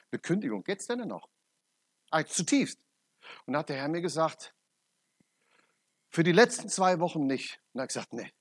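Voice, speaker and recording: A middle-aged man preaching a personal testimony. His voice is somewhat husky and sits a little high, and he swings from loud, urgent outbursts to quiet, low asides. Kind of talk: testimony sermon.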